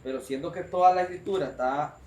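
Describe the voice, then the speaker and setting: A man's voice: fairly high pitch, fast, a little mellow. A male preacher delivering a sermon in an emphatic, repetitive manner, often calling his listeners brother. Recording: echoey room.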